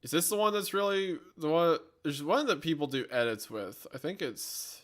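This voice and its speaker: Southern man hosting a stream, animated pitch, loose rambling chat. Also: normal speed. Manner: rambling, self-mocking, laughs often. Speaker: streamer and podcast host. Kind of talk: casual live-stream chat.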